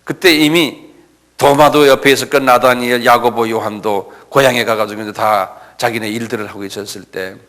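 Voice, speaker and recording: A man's voice: mid-range voice, steady tone, normal speed, fairly bright tone, big-room sound. A male pastor preaching an expository sermon, retelling scenes animatedly with rhetorical asides.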